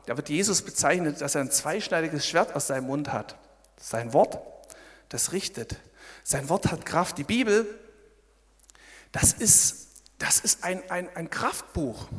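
A man with a high, animated voice preaches a sermon in a long-echoing hall. He is emphatic, rising to loud exclamations and dropping to quiet asides. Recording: echoey hall.

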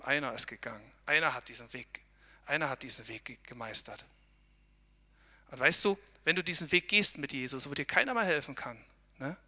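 A man's voice: medium pitch, pushed and bright, in a large hall. Earnest man preaching on a mountain trail. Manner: earnest, addresses listeners directly with tag questions. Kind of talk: devotional talk while hiking.

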